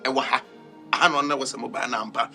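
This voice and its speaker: A Ghanaian man playing an excitable comic trickster in a skit, insistently repeating his words. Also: mid-range voice, very fast, vocal fry, soft background music. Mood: reassuring, insistent. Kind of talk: improvised comedy skit dialogue in Ghana.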